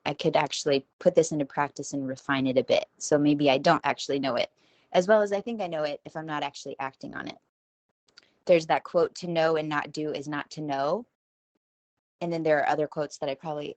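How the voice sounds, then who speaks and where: A woman in her forties from Texas hosts a podcast, delivering a rambling, self-deprecating solo monologue from her home kitchen. Her voice sits low with a darkish tone, recorded dry.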